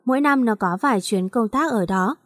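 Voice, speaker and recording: A woman narrator voicing a caring, wealthy older mother who talks warmly and reassuringly to her daughter. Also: fairly high pitch, normal speed, no echo, clean studio sound, close to an everyday voice. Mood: fond.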